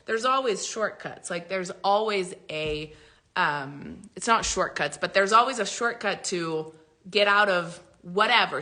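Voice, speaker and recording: This woman, a spiritual coach, addresses her followers in a relaxed livestream-type talk, cursing freely, laughing frequently, and making her points emphatically. Her voice sits in the mid-range with a sharp edge.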